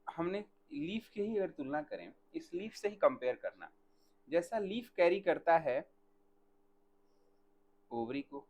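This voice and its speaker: A man teaching botany in a live online class, asking students questions by name and dictating answers slowly. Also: on the high side, dull audio, slight background noise.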